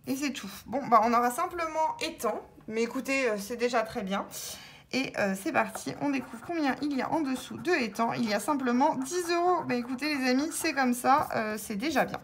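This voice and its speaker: A woman's voice: high-pitched, fairly bright tone, slight background noise. A woman vlogging as she scratches lottery tickets, chatting casually and calling out the letters as she goes. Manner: chatty, thinks aloud, spells out letters.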